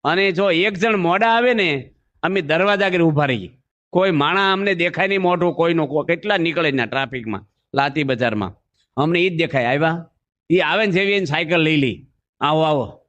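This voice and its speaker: Monk preaching, folksy stories, kinda high voice, muffled lo-fi sound. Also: male voice, a little fast, fairly bright tone. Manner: storytelling, asks the audience questions, acts out voices. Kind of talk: folksy sermon with anecdotes. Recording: dull lo-fi recording.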